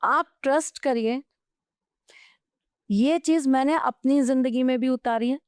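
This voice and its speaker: A woman's voice: sits high, takes it slowly, clear, resonant tone, no room sound, studio quality. A woman astrologer, the guest on a podcast interview, giving earnest advice and telling stories from her own life. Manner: animated storytelling, anecdotes from her own life; advising, earnest.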